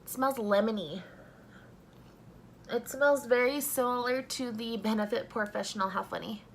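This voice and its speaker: Soft-spoken young woman reviewing makeup. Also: on the high side, moderate pace, vocal fry, a little hiss or hum. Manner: soft-spoken, just woken up. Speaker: beauty vlogger.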